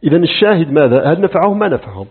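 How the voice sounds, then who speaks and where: A middle-aged man lectures on creed, quick and full of rises and falls in pitch. He keeps asking his class questions and answering them himself, with a slightly higher voice than most men. The recording is thin and lo-fi, like a phone line. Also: slightly rough. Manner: animated, poses rhetorical questions and answers them. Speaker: religious teacher.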